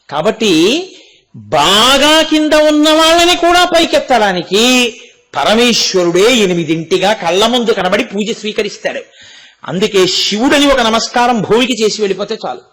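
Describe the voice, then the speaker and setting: A man speaks in a strikingly high voice as he gives a devotional discourse. He teaches through homely examples and rhetorical questions put to his listeners. He also recites Sanskrit verses in a chanting cadence. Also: a bit bright. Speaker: spiritual speaker.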